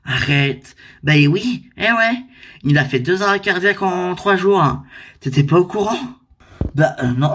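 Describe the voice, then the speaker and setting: A performer, voicing every character of an amateur toy-figure drama in casual everyday speech. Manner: shifts pitch between characters, casual everyday French with fillers.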